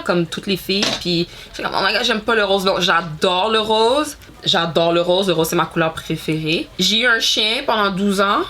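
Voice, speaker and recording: Bright-voiced Québécoise beauty vlogger. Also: female voice, lowish voice. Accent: Quebec French. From Montreal, Canada. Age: 30s. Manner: chatty, mixes French and English, lots of fillers. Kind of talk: casual get-ready-with-me chat.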